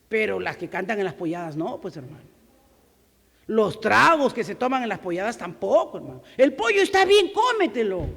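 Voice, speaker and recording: A woman preacher giving an emphatic sermon, full of rhetorical questions and swings from loud to quiet. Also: sits high, big-room sound.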